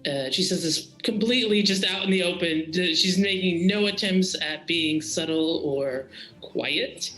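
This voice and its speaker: Male game master, casual narration with fillers, bit high-pitched; echoey room, faint music. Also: a little slow, a bit bright.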